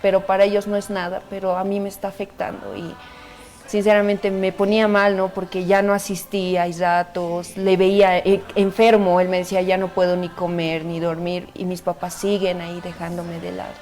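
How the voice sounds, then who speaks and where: A woman's voice: medium pitch, flat delivery, normal speed, darkish tone. Catechist lady on radio, worried tone, lots of "eh" and "no?", faint music. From Bolivia. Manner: concerned, hesitant fillers, tag questions. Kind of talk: radio talk recounting a case.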